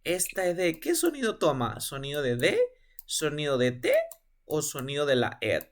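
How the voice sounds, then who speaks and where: A man teaching English pronunciation in an online class, patiently calling on students and repeating each word slowly. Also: a little high, sing-song. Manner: patient, drills words by repeating them.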